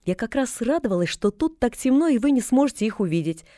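A cheerful, chatty young girl, put on by a woman reading a storybook, gushing with bright excitement. Her voice is pitched high over a mellow, warm timbre. The sound is dry and close. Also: quick pace, dry recording. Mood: eager. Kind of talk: audiobook character reading.

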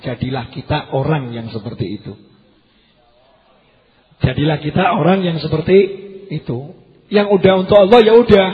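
A man with a Javanese accent, pitched a little high, delivers a sermon in a soft, hushed voice, putting question after question to the audience. The sound is dull and lo-fi, with a long reverb trailing through the hall. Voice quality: softened, quiet voice. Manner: questions the audience, mixes local words. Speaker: preacher.

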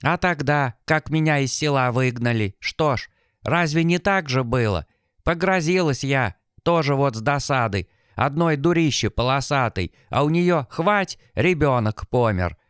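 A man's voice: mid-range voice, expressive, measured pace, a bit bright, smooth, no echo, clean studio sound. A man playing a mumbling old village woman. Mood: lamenting. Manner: mumbling, lamenting. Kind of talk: audiobook reading.

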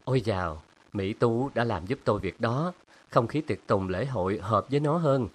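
A man voicing a lively, teasing young woman who scolds playfully in a storybook reading. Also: medium pitch, moderate pace, close to an everyday voice. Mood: subdued.

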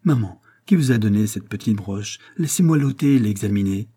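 A man's voice: on the low side, expressive, fairly quick, dark tone, breathy edge. A man voicing an affectionate young woman coaxing her mother tenderly, in an audiobook reading.

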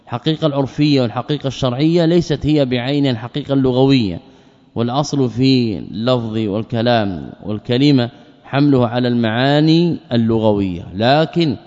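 A male scholar giving a classroom lecture, reciting verse lines slowly, repeating phrases and posing rhetorical questions. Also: medium pitch, darkish tone. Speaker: Islamic scholar teaching a text. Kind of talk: classroom lecture explaining a legal poem. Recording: muffled recording with long hall reverb.

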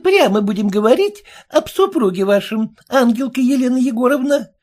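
A woman's voice: on the high side, lively intonation, moderate pace, darkish tone, pitched above the performer's own voice. A woman voicing a fawning, chatty middle-aged peddler woman in an audiobook, with a wheedling sing-song manner. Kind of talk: audiobook reading.

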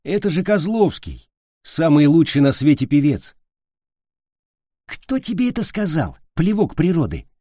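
A man doing shrill squabbling schoolboys. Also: moderate pace, no echo, studio quality, close to an everyday voice. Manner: shrill, excited boyish voices. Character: squabbling Soviet schoolboys at summer camp.

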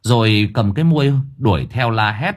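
A man narrating a ghost story audiobook in a vivid, expressive way. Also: on the low side, moderate pace.

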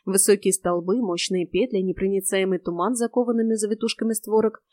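A woman's voice: medium pitch, steady tone, fast talker, darkish tone, dry recording. A woman narrating a first-person audiobook in a wry, dry manner.

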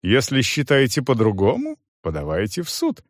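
A man voicing a calm, unflappable estate manager who speaks mildly and melancholically. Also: medium pitch, moderate pace, dry recording, clean studio sound. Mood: calm smug. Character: unflappable middle-aged male estate manager, smug.

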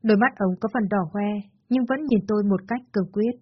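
Woman, storytelling narrator, emotional first-person drama, husky voice, lo-fi dry sound. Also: mid-range voice, brisk.

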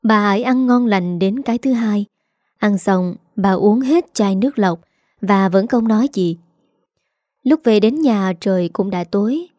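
Woman narrating a story in a mellow voice. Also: mid-range voice, measured pace, no room sound, studio quality.

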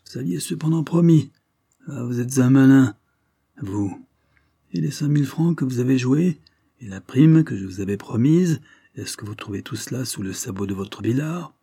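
A man's voice: medium pitch, vocal fry, dark tone, breathy edge, pitched above the performer's own voice. A man voicing a sarcastic jockey who mocks with veiled menace, in an audiobook. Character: sarcastic, threatening male jockey.

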